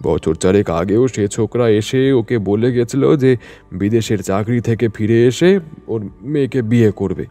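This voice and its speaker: A man voicing an irritated, blunt village man in a story reading, gruff and scornful. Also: medium pitch, expressive, moderate pace, dark tone, soft background music, close to an everyday voice. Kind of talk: storybook narration.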